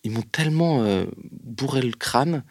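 A man telling a lively anecdote in an interview, with lots of hesitations, speaking straight to his listener. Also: medium pitch, a little slow, dry recording, clean studio sound. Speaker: interview guest. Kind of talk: casual storytelling.

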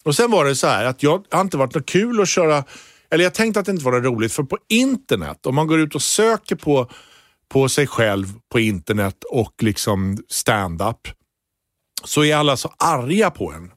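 A man co-hosting a casual podcast, a stand-up comedian telling stories animatedly, his voice jumping up high when excited. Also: no echo, studio quality.

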